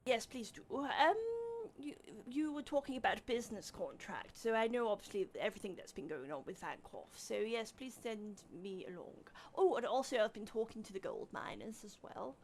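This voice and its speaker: A woman's voice: fairly high pitch, animated, moderate pace, hardly any pauses, slight background noise. A woman streamer chatting in character as a town mayor, gushing and casual, swearing now and then. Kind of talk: in-character roleplay chat.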